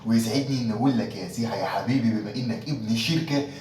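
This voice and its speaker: In a comic sketch, a man with an Egyptian Arabic accent plays an office manager, pouring on sugary, mock-affectionate sarcasm. His mid-range voice races along with a slightly mellow quality. The recording sounds echoey, with a distant mic and faint noise.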